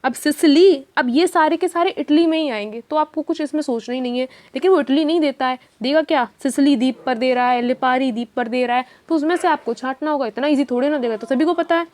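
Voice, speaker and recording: A woman's voice: sits high, brisk, hardly any pauses, darkish tone, dry recording. A woman teacher giving an exam-prep lesson, chatty and storytelling, asking her students questions as she goes.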